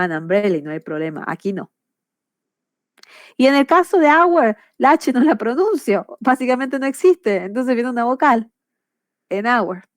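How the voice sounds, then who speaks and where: A woman's voice: a little high, a little mellow, no echo. Woman teacher, patient and explanatory, dry close sound. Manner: patient and explanatory, with frequent checks for understanding. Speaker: English teacher. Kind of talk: explaining grammar in a class.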